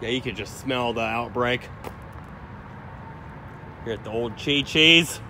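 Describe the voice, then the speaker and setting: A man's voice: medium pitch, slow pace, sharp tone, slight background noise. A man casually narrating a walk-around vlog outside a building, talking straight to his viewers with frequent exclamations, recorded on a handheld phone outdoors. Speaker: vlogger exploring abandoned places. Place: outdoors around an abandoned restaurant and its parking lot.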